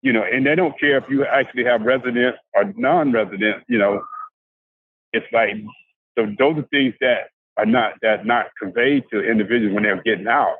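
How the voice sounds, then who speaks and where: Older guy from south carolina, halting chat full of restarts, sounds like a tinny phone call. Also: mid-range voice, no room sound. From South Carolina, USA. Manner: halting, with many restarts and repeated words. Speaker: formerly incarcerated guest. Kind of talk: casual conversational interview. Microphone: handheld phone on a video call. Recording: dry, tinny phone-like video call audio.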